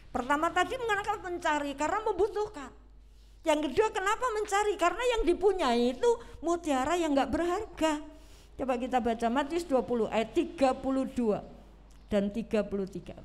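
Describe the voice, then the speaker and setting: A woman preaching a Sunday sermon, retelling a story dramatically and putting questions to the congregation. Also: sits high.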